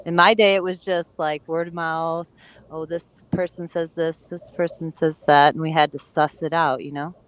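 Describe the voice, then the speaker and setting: A woman's voice: sits low, little pitch movement, normal speed, clean tone, poor audio. A woman in her fifties co-hosting a casual livestream, teasing her co-host and chatting freely. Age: 50s. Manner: teasing, chatty, laughs readily. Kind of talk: casual live chat.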